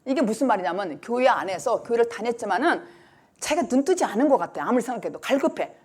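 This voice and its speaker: A woman's voice: fairly high pitch, fast, husky. A woman pastor preaching a sermon emphatically, sometimes acting out the cries of the people she describes. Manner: emphatic, lively preaching that acts out the blind man's cries.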